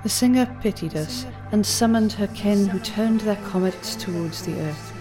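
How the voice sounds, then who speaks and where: A woman voicing a calm female principal teacher who tells an old legend in a measured, gentle cadence. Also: mid-range voice, over music, close to an everyday voice, poor audio. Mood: storytelling. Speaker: teacher figure in an audiobook. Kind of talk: audiobook character reading.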